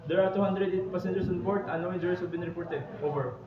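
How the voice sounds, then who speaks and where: A man's voice: sits high, steady tone, fast talker, close to an everyday voice. A man playing a ship captain on marine radio. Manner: formal radio procedure, repeating call signs, ending with "over". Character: male ship captain making formal marine radio calls. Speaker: ship captain in a role-play. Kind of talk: amateur maritime emergency role-play. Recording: echoey room from far off, dull sound, crowd behind.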